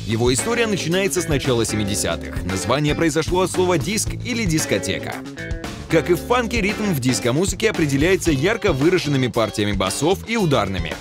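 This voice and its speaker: A man narrating a scripted television voice-over. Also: on the high side. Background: music with guitar.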